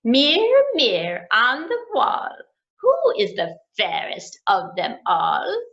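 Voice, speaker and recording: A vain evil queen, acted by a woman, squawks in a high, shrill voice. She is petulant and jealous, and her lines swing wildly up and down. The recording sounds dull and lo-fi. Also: wildly swooping pitch, slow, gravelly, fairly bright tone, full character voice.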